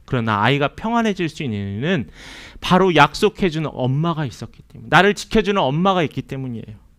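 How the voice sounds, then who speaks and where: A man's voice: medium pitch, fairly bright tone, smooth. A man preaching a Sunday sermon as pastor, earnest, asking his congregation questions and acting out quoted lines. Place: church sanctuary.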